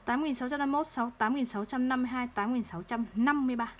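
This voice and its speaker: A woman teaching third-grade math, explaining place values slowly and patiently and repeating each number. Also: sits high. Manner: slow, patient, repeats numbers to drill them.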